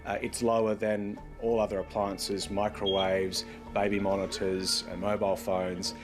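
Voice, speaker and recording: A man speaking in a measured, reassuring way as an industry spokesman in an interview. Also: fairly low pitch, little pitch movement. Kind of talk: unscripted interview. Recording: music under the voice.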